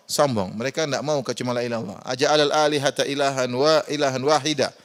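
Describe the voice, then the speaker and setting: A man delivers an animated Quran exegesis lecture in a mosque. His voice sits somewhat high for a man and climbs on emphatic points. He often turns to the listeners with rhetorical questions. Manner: animated, swings from loud emphatic rises to quiet asides. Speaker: Islamic preacher.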